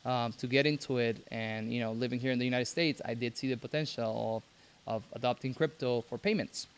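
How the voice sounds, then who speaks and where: A young man from Cuba, raised in Mexico, speaking as a podcast guest in a halting way with many restarts. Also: mid-range voice, fairly even intonation, clean tone. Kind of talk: casual interview.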